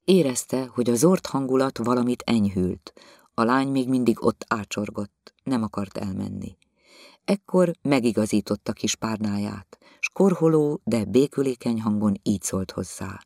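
A man narrating a novel in a measured, expressive way. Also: mid-range voice, gravelly, dry recording, clean studio sound. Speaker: audiobook reader. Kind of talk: literary narration.

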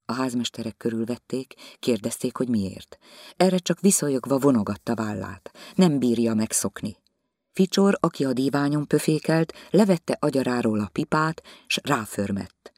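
An audiobook reader narrates a novel from a script in a measured, expressive storytelling style. His voice is medium-pitched, and the recording is dry, clean studio sound.

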